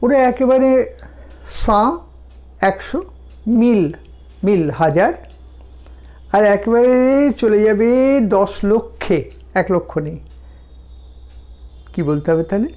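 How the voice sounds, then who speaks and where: A woman teaching French numbers, counting them out slowly one by one and explaining pronunciation step by step. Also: medium pitch, expressive, warm tone. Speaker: language teacher. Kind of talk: slow, deliberate language lesson.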